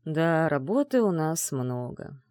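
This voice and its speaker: A man's voice: slow pace, dry recording, studio quality. Man playing a smug, commanding mage. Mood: mocking, calm. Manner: calm, mocking, low-voiced taunts. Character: arrogant, commanding male mage mentor. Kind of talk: audiobook dialogue reading.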